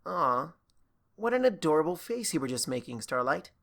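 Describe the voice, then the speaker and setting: A man reading a fan fiction audiobook, voicing a calm, teasing young female princess pony with a casual, slightly ceremonious manner. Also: on the high side, moderate pace, voice pushed up. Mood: smug.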